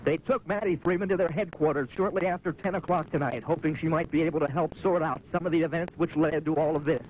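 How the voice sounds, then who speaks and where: Higher-voiced male reporter on warbly tape. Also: fairly even intonation, fast. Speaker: TV news reporter. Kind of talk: scripted news narration. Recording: warbly dull 1980s tape, clear noise.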